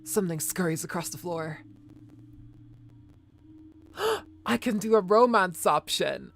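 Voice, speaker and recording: Creaky-voiced woman playing a game. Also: lowish voice, expressive, slow pace, slight background noise. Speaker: game streamer. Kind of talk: casual gameplay commentary and reading dialogue aloud. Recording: game music behind the voice. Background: game music.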